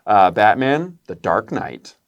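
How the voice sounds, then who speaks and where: A man's voice: slow pace, creaky, dull audio. A man co-hosting a casual movie podcast, reading titles off a list. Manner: animated, reads titles off a list with bouncing pitch. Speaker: podcast co-host. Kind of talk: casual chat.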